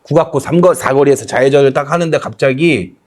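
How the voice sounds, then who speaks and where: A man's voice: medium pitch, fast. A man in casual chat, telling an emotional personal testimony and acting out his prayers and bits of hymns. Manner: animated storyteller who acts out his own prayers and sings hymn lines. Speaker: guest comedian sharing testimony.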